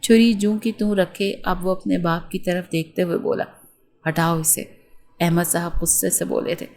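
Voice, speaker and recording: A woman's voice: on the low side, steady tone, normal speed, a little mellow. A woman narrating a romance novel and reading every part herself in much the same voice. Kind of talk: scripted narration of a romance novel with acted dialogue.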